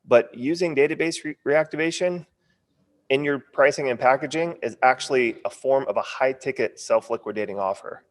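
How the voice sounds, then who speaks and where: American male webinar coach, mid-pitched, punchy and chatty, slightly fumbling numb-lip diction, hall-like reverb. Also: moderate pace. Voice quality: stumbling, numb-lipped speech from a partly numb lip. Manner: informal, punchy, frequent check-in tags. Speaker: online course coach. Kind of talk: casual sales training webinar.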